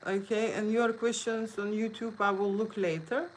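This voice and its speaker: A photographer with a Lithuanian accent hosts a live Q&A from an indoor studio, chatting casually with viewers and often tagging sentences with "okay?" in non-native phrasing. Her mid-range voice has fairly even intonation and a moderate pace, recorded on a phone with a little hiss or hum.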